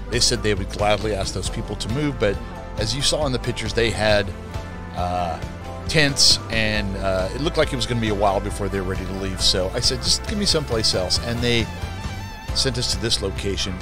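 A middle-aged man from California vlogging casually from an outdoor lakeside campsite, talking in a relaxed, rambling way and correcting himself as he goes. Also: lowish voice, moderate pace. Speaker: camping vlogger. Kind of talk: casual travel vlog. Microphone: camera at arm's length. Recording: music playing under the voice.

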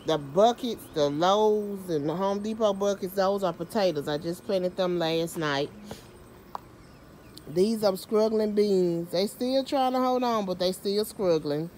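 A home gardener and vlogger gives a chatty, self-mocking tour of her garden outdoors, filming on a handheld phone camera and dropping Southern US slang. Her mid-range voice is darkish and measured in pace, with slight background noise.

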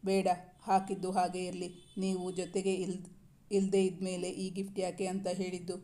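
A woman's voice: fairly low pitch, monotone, moderate pace, warm tone, lightly acted. A woman voicing a young wife who answers her husband curtly and with hurt feelings in a storybook reading. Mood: sulky. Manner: pouting, curt.

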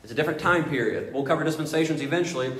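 Emphatic preacher in an echoey hall. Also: male voice, on the high side, very fast, a bit bright. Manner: emphatic preaching with repeated rhetorical questions. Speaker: pastor. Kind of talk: sermon. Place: church sanctuary.

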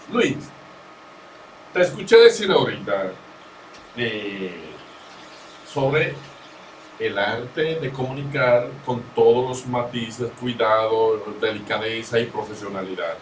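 A man's voice: mid-range voice, takes it slowly, pauses often, slight background noise. A man with a Dominican accent hosting an interview, asking long, winding questions. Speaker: interviewer, host. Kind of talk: conversational interview. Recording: roomy, distant mic.

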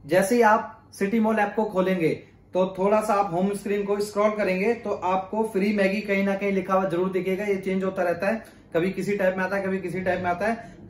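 Young guy doing a chatty phone app walkthrough, highish voice, echoey room. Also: a little hiss or hum. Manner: chatty and explanatory, often says "friends". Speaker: YouTuber explaining a shopping app. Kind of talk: casual tutorial talk to camera. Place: indoors in front of a plain blue backdrop.

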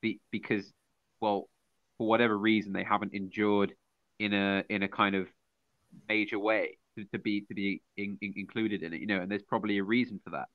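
A man with a fairly low voice makes a point in a casual discussion about art. He speaks haltingly, restarting his sentences and filling pauses, and his audio sounds dull and lo-fi in a dry space. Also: steady tone, no room sound. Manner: halting, with many fillers and restarts.

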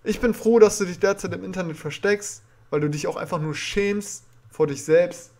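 A young man hosts a reaction video from a small room at home. His voice sits a bit high. He talks confrontationally and indignantly, swearing as he calls out a rival. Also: moderate pace, darkish tone. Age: young adult. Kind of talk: reaction commentary, addressing a rival.

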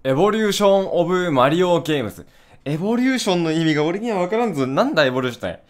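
A young man giving casual, excitable let's-play commentary, blurting quick reactions and rough, playful jabs. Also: sits high. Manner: rough casual talk, playful mock scolding. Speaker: gaming video host.

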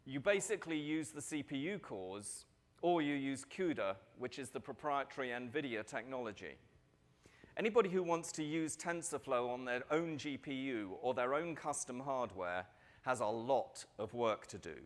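Standing at a lectern microphone on a big conference stage, a middle-aged man gives a prepared keynote in a mid-range voice. His delivery stays steady and measured, broken only by the odd filler word.

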